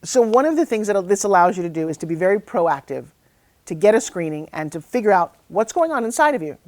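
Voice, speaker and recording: A chatty woman hosts a talk show, talking casually with her guests and breaking into easy laughs. Her voice sits at a middle pitch and is recorded close and dry, with no room sound around it. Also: very animated, fast, a little mellow, dry recording. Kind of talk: casual interview chat.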